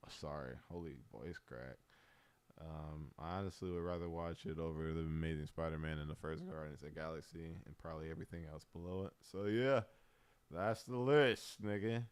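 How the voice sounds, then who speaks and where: A male streamer giving laid-back, rambling commentary while ranking movies, with loose slang and frequent pauses. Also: very deep voice, steady tone, smooth, dry recording. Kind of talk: casual tier-list commentary.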